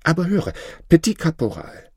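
A man's voice: on the high side, huge pitch swings, normal speed, a little mellow, breathy edge, dry recording, studio quality, pitched above the performer's own voice, full character voice. A man reading the part of an anxious, homesick young Egyptian servant boy in a storybook tale, pleading and earnest.

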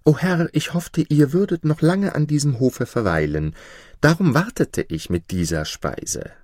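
A man's voice: medium pitch, sing-song, measured pace, breathy edge, no echo, clean studio sound, pitched above the performer's own voice. A man doing a trembling, timid dwarf cook. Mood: anxious. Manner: trembling, pleading.

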